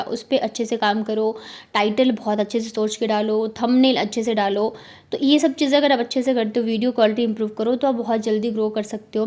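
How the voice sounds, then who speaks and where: A woman's voice: fairly high pitch, a little mellow. A mother in her thirties narrating a home vlog in a chatty, step-by-step way. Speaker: vlogger, mother.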